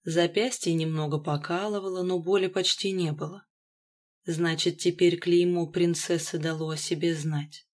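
A woman narrates a first-person fantasy novel as an audiobook. Her reading is even and measured, moving through the scene at a steady storytelling pace. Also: fairly low pitch. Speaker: audiobook reader.

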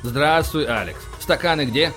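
A man voicing a gruff, impatient male starship commander in a sci-fi audiobook, brusque and commanding. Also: fairly high pitch, a little slow, music in the background, natural voice.

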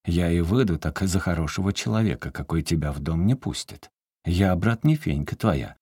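A man reads a first-person story aloud with a very deep, low voice. He reads expressively and lifts his pitch sharply for heated quoted lines. The recording is dry and close, with no room sound. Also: slightly rough, no echo. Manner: expressive reading, rising sharply in quoted outbursts. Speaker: audiobook reader.

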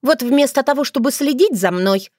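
A bold, sassy young witch from a storybook, played by a woman narrator. She talks high and cheeky with wide lively swings in pitch. The sound is dry and close. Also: moderate pace, no room sound.

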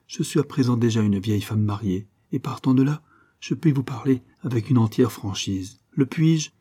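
A man's voice: medium pitch, normal speed, mellow, husky, lightly acted. A man reading an audiobook, voicing an earnest, emotional young married woman with a tremulous, pleading manner.

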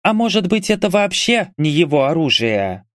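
A man's voice: fairly high pitch, big pitch swings, normal speed, no room sound, studio quality, pitched above the performer's own voice. A man voicing a sulky young female mage who grumbles in a raised voice. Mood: grumbling.

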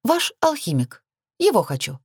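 A cocky young heroine with a biting, mocking tongue, as a woman reader puts her on. Her voice sits high and rings out loud, every retort cutting. It is an audiobook reading with a close, dry sound. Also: wildly swooping pitch, moderate pace, breathy edge, no echo, exaggerated voice.

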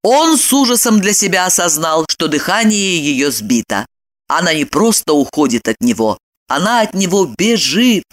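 A woman reading a novel aloud as an audiobook narrator, in an expressive, dramatic storytelling manner. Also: on the low side, normal speed.

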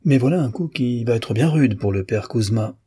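A man's voice: medium pitch, animated, moderate pace, mellow, slightly rough, no echo, studio quality. A man voicing a wry, teasing male doctor who banters with a clever young man. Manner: bantering, ironic.

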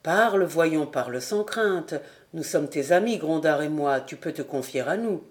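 A woman reading the part of a kindly older male factory director in an audiobook, speaking in a calm, paternal and reassuring way. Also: sits low, unhurried, voice pushed down. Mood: fatherly. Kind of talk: audiobook character voice.

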